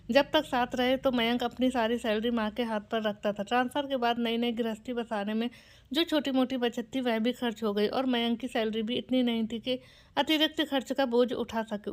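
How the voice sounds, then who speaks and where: Higher-voiced woman narrating a story. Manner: reads dialogue of every character in her own voice.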